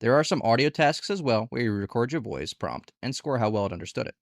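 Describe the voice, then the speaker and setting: In an animated, fast-talking delivery, a man with a mid-range voice reviews online gig work platforms conversationally, posing rhetorical questions candidly and casually. The recording is dry and studio-clean.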